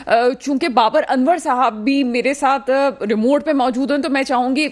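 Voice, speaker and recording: A young woman hosting a political TV talk show, unwell with a cold, speaking in a measured, questioning way with frequent hesitations. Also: sits high. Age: young adult. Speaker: news show host.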